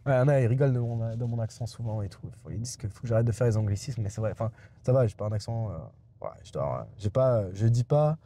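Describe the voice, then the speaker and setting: A man's voice: mid-range voice, expressive, fast, dark tone. A young adult man vlogging from inside a car, rambling and digressive, with many hesitations and restarts. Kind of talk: rambling casual monologue.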